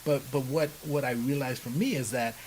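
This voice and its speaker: Here the middle-aged man from the Bahamas talks fairly quickly at a medium pitch. As a podcast guest and personal development speaker, he answers emphatically, frequently tossing in short check-in questions, and steady background hiss runs through the audio.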